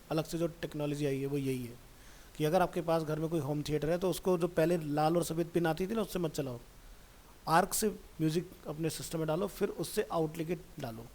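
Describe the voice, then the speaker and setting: A fairly high-voiced man teaching a computer class, relaxed and talkative, speaking straight to his student. A faint hiss runs under the recording. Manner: chatty, digressive, addresses student directly. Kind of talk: casual classroom talk.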